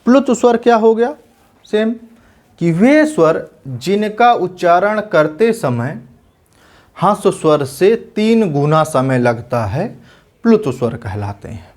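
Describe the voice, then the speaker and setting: A man teaching an exam-prep lesson at an unhurried pace, with a fairly high voice. He explains patiently and repeats each definition word by word so students can copy it down. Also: very animated.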